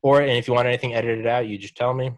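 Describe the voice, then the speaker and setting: A young man hosting a podcast, chatting casually with a guest, swearing freely and telling stories with animated encouragement. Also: mid-range voice, rapid-fire, no room sound. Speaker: podcast host. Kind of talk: casual chat.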